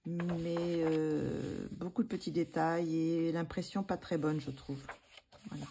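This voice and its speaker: A woman's voice: sits low, fairly even intonation, takes it slowly, creaky, warm tone, a little hiss or hum. A woman vlogger chatting casually about her coloring books, hesitating often with fillers and restarts. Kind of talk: casual chat.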